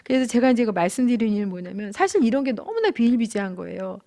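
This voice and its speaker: A woman with a slightly high voice gives a church lecture on marriage. She talks in an earnest, candid way, weaving in personal stories and acting out quoted arguments with animation. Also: lively intonation, very fast, mellow. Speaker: marriage class teacher at a church.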